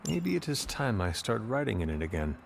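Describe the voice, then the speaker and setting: An actor playing a formal, stoic warrior hero in a game, speaking with measured, old-fashioned courtesy. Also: male voice, lowish voice, big pitch swings, creaky, a little hiss or hum. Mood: reserved. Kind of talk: game character dialogue.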